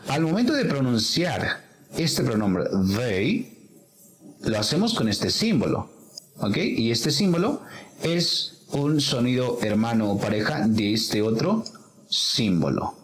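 A man's voice: medium pitch, big pitch swings, slow, rough recording. A man teaching an English pronunciation lesson, explaining patiently step by step.

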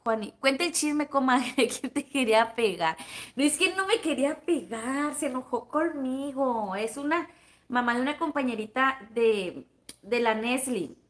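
A woman's voice: high voice, animated, a little slow, fairly bright tone. A woman with a Sonoran Mexican accent, casually chatting on a livestream, gossipy and friendly, calling her viewers comadres and plebes. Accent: Sonoran Mexican Spanish. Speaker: livestream vlogger. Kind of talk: casual livestream chat reading viewer comments.

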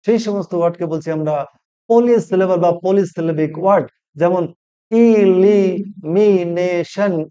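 A man teaching a spoken English lesson, slowly spelling out letters and syllables. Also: high-pitched, darkish tone, highs cut off.

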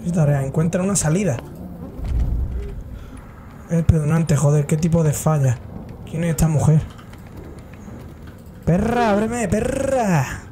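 A man's voice: a little high, fairly even intonation, normal speed, long pauses, background noise. A man streaming a horror game, swearing and reacting with jokey running commentary. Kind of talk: horror game let's play.

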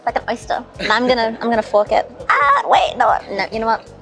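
A woman in her twenties, originally from the Caribbean and later England, chats candidly as an interview guest over afternoon tea in a spacious indoor hotel lounge restaurant. Her slightly high voice is flat and quick, with music behind her, picked up by a small recorder or phone close by across the table.

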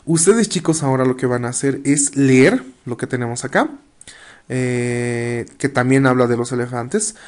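A man teaching an English class in Spanish, reading English lines slowly and checking in with "¿no?" after most phrases. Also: medium pitch, a little mellow. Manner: slow, explains in Spanish, frequent "¿no?" checks; reads English text aloud slowly. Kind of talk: online class walkthrough.

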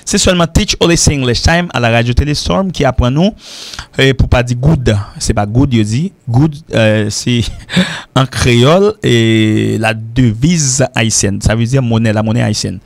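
A man's voice: mid-range voice, a little slow, gravelly, no echo. A man teaching English on the radio, repeating words and checking in with "ok?" as he drills pronunciation. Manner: repetitive drilling of pronunciation, frequent "ok?". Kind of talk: radio English lesson in French.

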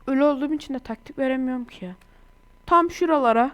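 A woman from Turkey giving casual, chatty commentary over her own gameplay, excitable and quick to burst into exasperated outbursts. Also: high voice. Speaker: gaming YouTuber.

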